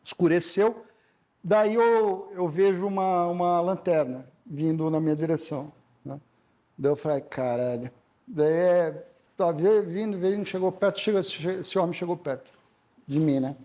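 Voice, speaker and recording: A Brazilian man giving a corporate talk, telling a travel story in a halting way with many fillers and restarts. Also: high-pitched, darkish tone. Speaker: corporate speaker. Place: stage at a corporate event.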